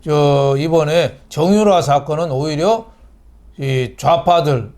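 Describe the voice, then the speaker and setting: An older man hosting a political talk show, speaking bluntly and mockingly in an animated way. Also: fairly high pitch, slow. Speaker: host.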